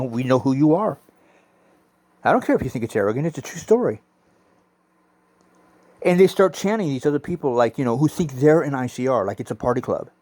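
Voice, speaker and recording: A man's voice: a little high, darkish tone, no echo. A middle-aged man telling personal stories in a rambling, profane, intense monologue, arguing back and forth with himself. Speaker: vlogger.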